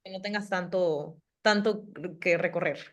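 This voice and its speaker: A woman coordinating a virtual class over a video call, sorting students into groups in a brisk, practical way. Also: fairly low pitch, steady tone.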